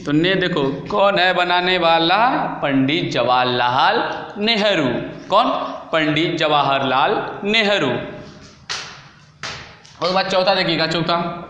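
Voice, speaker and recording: A man teaching an exam-prep lesson through a memory trick, repeating key phrases slowly so students can say them along. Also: on the high side, bright, forceful tone. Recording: echoey room with long reverb.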